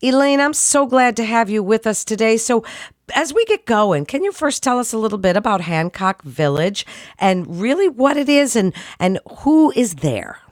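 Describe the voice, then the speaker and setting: A woman hosting a hospital health program, introducing and questioning a guest in a polished, expressive way. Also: fairly high pitch, normal speed, no echo, clean studio sound. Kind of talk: hosted interview. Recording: faint music behind.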